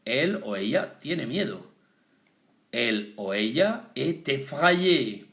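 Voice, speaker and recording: Slow, lively-voiced man teaching vocabulary. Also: medium pitch. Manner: slow, deliberate, switching between French and Spanish. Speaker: French teacher. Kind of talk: bilingual vocabulary lesson.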